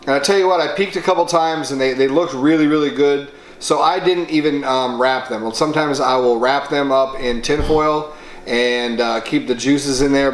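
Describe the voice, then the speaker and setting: A man hosting a cooking show, giving a relaxed, folksy demonstration with many fillers, indoors in a kitchen. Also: medium pitch, roomy sound.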